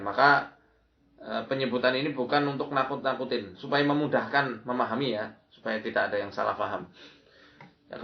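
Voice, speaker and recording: A man giving an instructional religious lecture as an Islamic preacher, often repeating key phrases. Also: medium pitch. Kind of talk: religious lecture with recited Arabic prayers. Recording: dull lo-fi audio.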